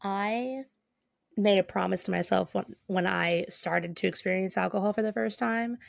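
Young woman, podcast co-host; gravelly creak, emphatic and earnest, dry sound. Casual chat. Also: medium pitch, moderate pace, no room sound. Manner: laughs often, earnest and emphatic.

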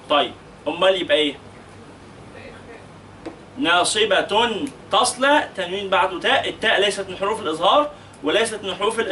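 Man, Egyptian accent, tajweed teacher, patient questioning, bright tone, distant mic. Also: sits high, a little hiss or hum. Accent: Egyptian Arabic. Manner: patient, questioning, drawn-out demonstrative recitation. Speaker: Quran recitation teacher. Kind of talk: interactive tajweed lesson.

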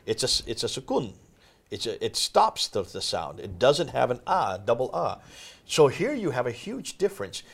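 Animated man explaining emphatically. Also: medium pitch, moderate pace, gravelly, breathy edge. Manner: emphatic, lively teacher-like explaining. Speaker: host. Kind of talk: explaining texts in a discussion.

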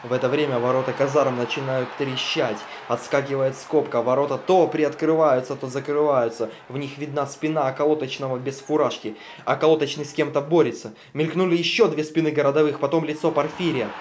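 Calm man reading a play aloud. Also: medium pitch, a little fast, few pauses, a little hiss or hum. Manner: calm even narration, joking asides. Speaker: podcast host.

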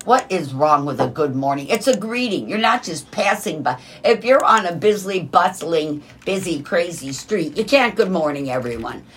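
A cheerful woman co-hosting casual morning radio banter. Her voice sits a little low but swings widely in pitch. She breaks into sing-song greetings as she talks. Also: expressive, moderate pace, few pauses, a bit bright. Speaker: radio co-host.

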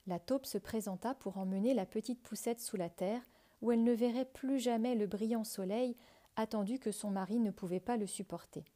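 A woman reading a fairy tale aloud in a calm, measured storytelling manner. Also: on the high side.

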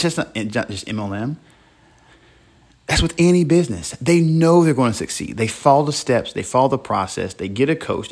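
A married man hosting his own podcast, giving a rambling motivational monologue full of restarts and quoted voices. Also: fairly high pitch. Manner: rambling, many restarts, animated quoting. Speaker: podcast host.

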